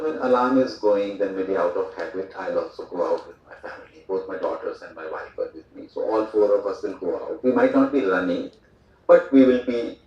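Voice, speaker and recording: Man, from India, low-pitched, conversational public speech, dull distant sound. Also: darkish tone. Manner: conversational, with frequent fillers and asides. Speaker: speaker at a port day event. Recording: echoey hall, voice from far off, dull sound.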